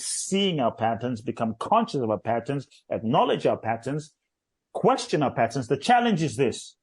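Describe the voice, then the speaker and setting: A man's voice: mid-range voice, a little mellow. A man speaking as a guest on a radio show, giving an emphatic motivational talk that repeats phrases in lists.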